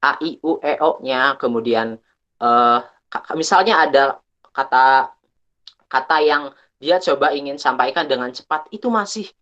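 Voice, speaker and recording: Young male webinar speaker, casual and halting, dull lo-fi call audio. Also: medium pitch, pushed and bright. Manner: chatty, restarts often, pauses with fillers. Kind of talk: casual online workshop talk.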